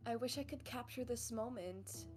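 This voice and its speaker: A woman's voice: fairly high pitch, over music, natural voice. Woman playing a gushing, sentimental young woman adventurer. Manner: drawn-out, theatrically gushing.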